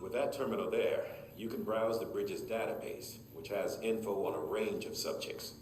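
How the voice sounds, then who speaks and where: A man voicing a formal game official who delivers a steady, informative briefing in a very low voice. His voice sounds roomy, with faint ambience behind it. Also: normal speed, noisy background, natural voice.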